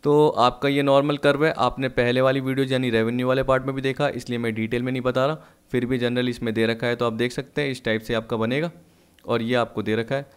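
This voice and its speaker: A man teaching an economics lesson, explaining step by step and slowly reading out textbook lines in English. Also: medium pitch, flat delivery, clear, resonant tone. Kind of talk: recorded online lesson.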